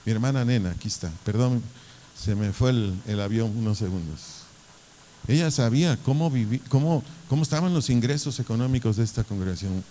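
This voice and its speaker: Mellow-voiced pastor preaching. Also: male voice, medium pitch, expressive, brisk, a little hiss or hum. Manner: conversational, asks questions and answers them. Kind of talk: sermon.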